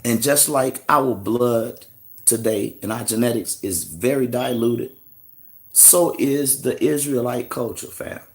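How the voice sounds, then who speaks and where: Gravelly man preaching on a live stream. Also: mid-range voice, takes it slowly. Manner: animated, street-casual preaching tone, calls listeners "family". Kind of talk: casual live-stream monologue.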